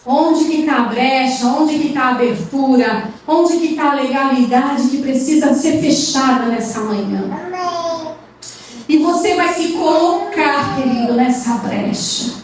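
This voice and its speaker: A woman missionary leads a pleading prayer, her high voice drawn out slowly. She is heard from a distance, and the church hall rings with heavy reverb behind her. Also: a little hiss or hum. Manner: fervent, pleading, drawn-out and chanting. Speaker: missionary preacher. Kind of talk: fervent prayer from the pulpit. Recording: echoey hall, voice from far off.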